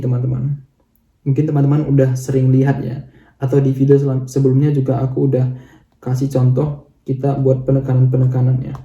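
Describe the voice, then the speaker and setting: A man giving a casual, chatty video lesson to viewers, speaking in a relaxed way. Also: mid-range voice, reverberant. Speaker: language teacher.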